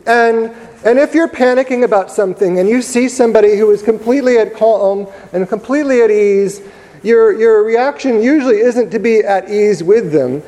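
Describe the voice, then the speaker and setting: High-voiced man preaching in a reverberant church. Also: mellow. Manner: storytelling, conversational, with pauses and repeated words. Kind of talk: sermon. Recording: long reverb of a large church hall.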